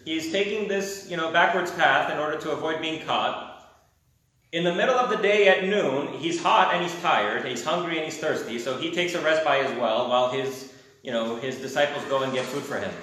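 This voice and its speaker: A man's voice: a little high, fairly bright tone. A man from America teaching a class, asking the students questions and adding wry asides. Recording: very echoey room.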